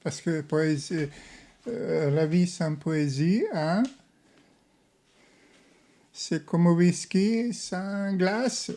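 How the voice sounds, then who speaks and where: A woman's voice: fairly low pitch, steady tone, very slow, long pauses, mellow. A woman with a Parisian French accent chatting casually in a playful, teasing manner. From France.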